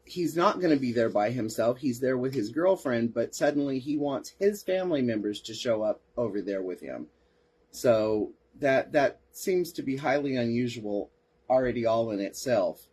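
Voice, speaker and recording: This man hosts a podcast where he reads out case reports, pausing for sarcastic asides and responses to listeners in the chat. He sounds animated, with a medium pitch, moderate pace, darkish tone, and breathy edge.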